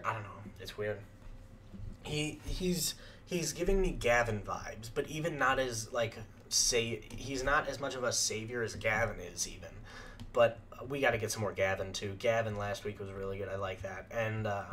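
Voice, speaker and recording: A young man hosting a reaction channel who chats casually and rambles with lots of fillers, clearing his throat as his voice starts to go. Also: mid-range voice, bright, forceful tone, a little hiss or hum. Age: young adult. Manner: rambling, filler-heavy chatter.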